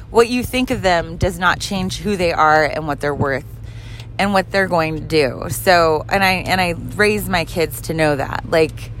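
A woman's voice: lowish voice, fairly bright tone, a little hiss or hum. Blunt, swearing woman ranting while driving. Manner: blunt, profane and rambling. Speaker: podcast host and mother. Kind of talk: casual driving vlog rant.

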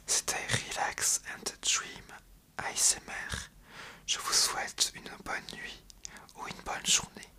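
Young man, whispered ASMR podcast, right in your ear, breathy, slow, halting. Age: young adult. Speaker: podcast host.

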